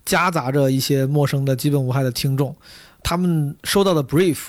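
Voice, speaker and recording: A man hosting a podcast in a chatty, casual monologue, speaking straight to listeners with a hoarse, gravelly voice worn out from hours of talking. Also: a little high, normal speed, no echo. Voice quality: gravelly, husky. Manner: chatty, addresses listeners directly. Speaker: podcast host.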